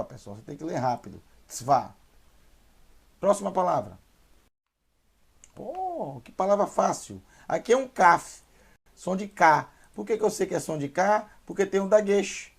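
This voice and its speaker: A man teaching a Hebrew reading lesson, patiently sounding out syllables and repeating words slowly. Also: fairly high pitch, creaky, darkish tone, breathy edge. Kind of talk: online language lesson.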